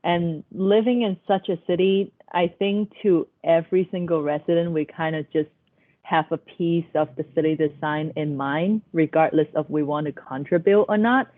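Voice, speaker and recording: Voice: mid-range voice, steady tone, moderate pace, no room sound. A young adult student talks through a thin, phone-like video call line. The delivery is earnest and thoughtful, with a few hesitant fillers. The sound is dry and close, with no room around it. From Hong Kong. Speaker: architecture student. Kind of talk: panel discussion answers.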